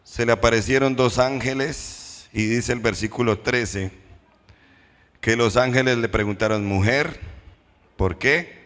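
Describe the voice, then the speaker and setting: A man preaching a sermon as pastor, posing questions to the congregation and slowing down for emphatic repetitions. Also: medium pitch, steady tone, fairly bright tone. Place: church hall. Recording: reverberant church hall.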